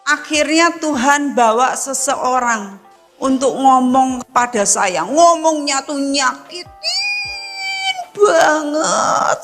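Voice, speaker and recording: A woman pastor delivers a sermon in a high, clear voice at an unhurried pace. She tells a personal story, stressing words loudly and then dropping to hushed asides, with Javanese phrases slipped in. Faint music sits underneath. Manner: emphatic, swinging between loud stresses and hushed asides.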